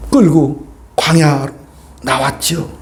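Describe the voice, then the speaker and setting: A male pastor preaching a Sunday sermon in an animated, conversational way, often calling out for amens from the congregation. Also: fairly high pitch, takes it slowly, a little hiss or hum.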